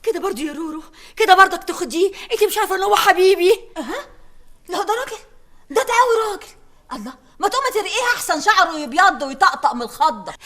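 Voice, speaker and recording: An actress with an Egyptian accent playing a dramatic, doting young woman in a TV comedy, theatrical and excitable. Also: very high-pitched, rapid-fire, echoey room. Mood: gushing. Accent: Egyptian Arabic. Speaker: lead character Rora.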